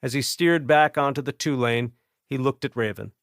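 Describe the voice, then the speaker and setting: A man reads an audiobook in a measured, steady way. His voice sits mid-range and sounds close and dry, as in a studio booth. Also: medium pitch, no room sound. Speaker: audiobook narrator. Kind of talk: scripted narration.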